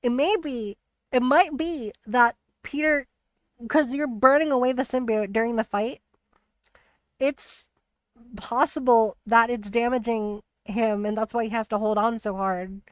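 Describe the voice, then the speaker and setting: A woman streamer chatting casually about a video game, rambling and animated with lots of fillers. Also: fairly high pitch, a little slow, dry recording. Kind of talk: casual spoiler chat on a live stream.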